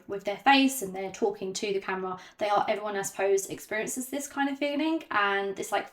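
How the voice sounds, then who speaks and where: A woman vlogging to camera without a script, hesitant and self-conscious, with many ums and pauses, and slightly out of breath. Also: medium pitch. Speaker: YouTuber. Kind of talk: unscripted talk to camera.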